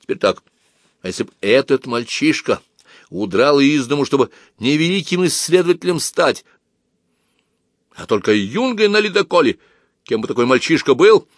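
A man's voice: mid-range voice, big pitch swings, normal speed, pauses often, no room sound, studio quality, voice pushed up. A man reading a story aloud, voicing an earnest teenage boy who argues his plan emphatically and persuasively.

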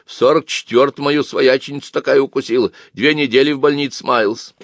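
A man's voice: mid-range voice, steady tone, brisk, no echo, clean studio sound, pitched above the performer's own voice, close to an everyday voice. A man voicing an elderly village woman who complains plaintively to no one in particular.

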